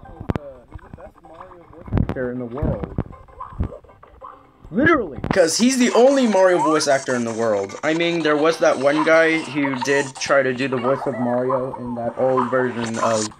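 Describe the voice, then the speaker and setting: A speaker rambling casually and with excitable outbursts while commenting on their own video game play. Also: medium pitch, normal speed, background noise. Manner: rambling, chatty, jumps between topics. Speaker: gameplay commentator.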